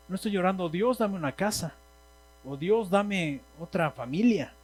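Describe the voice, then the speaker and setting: Mexican male preacher, emphatic, a bit high-pitched, faint hum on the recording. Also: a little mellow, rough recording. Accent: Mexican Spanish. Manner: emphatic, asks the congregation questions. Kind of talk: sermon. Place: church hall.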